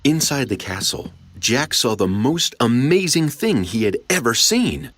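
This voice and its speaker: An expressive storyteller reading a fairy tale aloud, pausing for drama. The delivery is unhurried with a very lively pitch, recorded close and dry. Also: breathy edge, no echo.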